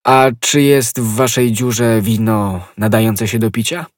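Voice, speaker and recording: A man's voice: mid-range voice, steady tone, measured pace, no echo, clean studio sound, lightly acted. A man voicing a grave, cautious musketeer. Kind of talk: audiobook reading.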